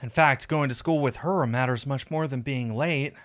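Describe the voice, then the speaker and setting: A game streamer reads a visual novel's narration aloud over background music, adding casual asides. His voice is medium-pitched and fairly bright, at a normal speed.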